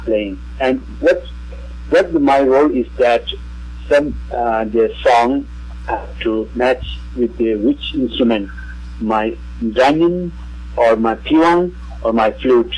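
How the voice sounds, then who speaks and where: A man with a Tibetan accent, speaking halting, broken English as a musician guest in a radio interview. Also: medium pitch, a little mellow, slightly rough, poor audio.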